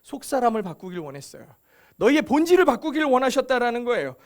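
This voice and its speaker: A man's voice: very high-pitched, very animated, fast. A male pastor giving a conversational sermon, asking rhetorical questions and acting out quoted voices.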